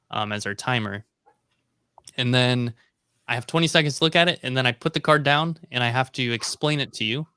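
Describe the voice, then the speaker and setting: Male host on a video call, bright clear voice, dry sound, easygoing and rambling. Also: mid-range voice, dry recording. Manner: rambling, many ums and restarts. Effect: video call audio. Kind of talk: casual live-stream chat.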